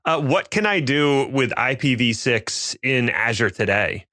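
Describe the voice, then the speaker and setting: A man's voice: mid-range voice, expressive, unhurried, bright, forceful tone, dry recording, clean studio sound. A man hosting a casual tech podcast, chatting and posing questions to his colleagues. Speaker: podcast host.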